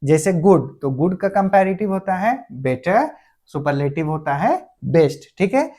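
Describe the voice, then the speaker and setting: Warm and high-pitched, with lively intonation, a man gives a patient grammar lesson as if in a classroom. He regularly checks on his listeners and slows to dictate words one at a time.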